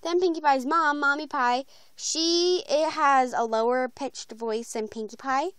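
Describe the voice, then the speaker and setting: This creator's high-pitched, fairly bright voice comes across unhurried and studio-clean, with no room sound at all, even though she's filming on a close handheld phone in a small home bedroom. She rambles casually in slang, letting viewers know about voice auditions.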